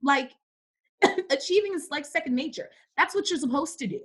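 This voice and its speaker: A woman's voice: high-pitched, expressive, normal speed, fairly bright tone. A young woman from Cameroon, a podcast guest in casual faith-based conversation, who speaks emphatically and repeats words for stress.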